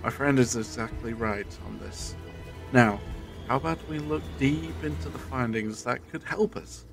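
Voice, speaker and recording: A man playing a confident, sly, eccentric time traveller in an audio drama, speaking theatrically and deliberately with old-fashioned turns of phrase. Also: mid-range voice, creaky, over music, lightly acted. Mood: persuasive.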